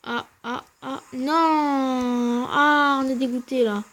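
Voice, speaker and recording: A woman giving casual, slangy commentary over her own gameplay, talking quietly and then shouting at big wins and losses. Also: high-pitched, fairly even intonation, slow pace. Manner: speaks quietly between outbursts. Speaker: gaming channel host.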